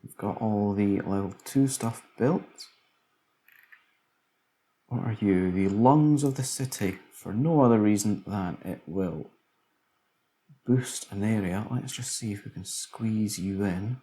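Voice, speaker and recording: Slow, mellow man musing over a game. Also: fairly low pitch. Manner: relaxed, musing aloud while building. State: tired, yawning late at night. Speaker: let's play commentator. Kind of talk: casual game commentary.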